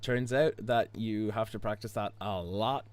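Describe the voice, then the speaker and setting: A hoarse Irish man with his voice stuck low, chatting casually while live-streaming a game, rambling with lots of fillers and restarts. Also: unhurried, darkish tone. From Ireland. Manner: rambling, many fillers and restarts, chuckles often.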